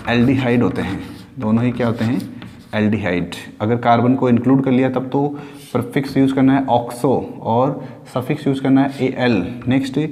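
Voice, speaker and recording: A man's voice: mid-range voice, warm tone, long reverb tail. A male chemistry teacher with an Indian accent, explaining a lecture step by step, asking questions and answering them himself, mixing English terms into Hindi. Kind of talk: classroom lecture.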